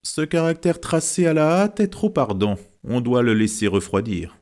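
A man voicing a modest, shrewd literature teacher who reads fortunes from written characters, speaking calmly and explaining. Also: mid-range voice, normal speed, close to an everyday voice. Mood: knowing.

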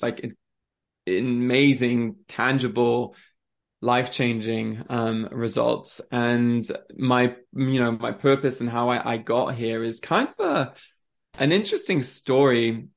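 A man's voice: mid-range voice, creaky. A man who grew up in France, a guest on a podcast, talking openly and casually with lots of fillers. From born in Switzerland, grew up in France. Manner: open and chatty, frequent ums and fillers. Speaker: podcast guest, limiting belief coach. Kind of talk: casual conversational storytelling.

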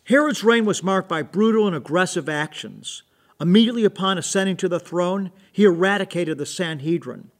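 A man's voice: high voice, expressive, brisk. A man hosting, giving a scripted introduction in an informative, direct way. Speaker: host.

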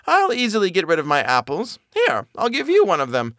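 A man voicing a vain, envious wicked queen with a shrill, drawn-out delivery. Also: huge pitch swings, fairly bright tone, no echo, clean studio sound, heavily acted. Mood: coaxing.

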